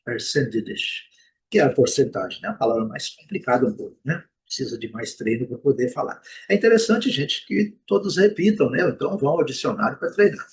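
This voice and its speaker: A man with a Brazilian Portuguese accent teaching English pronunciation, modeling each word slowly several times and checking in with frequent "né?" and "ok?". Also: medium pitch, darkish tone, husky. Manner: repeats words slowly, frequent "né?" and "ok?". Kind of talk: explaining pronunciation, slow modeled repetitions.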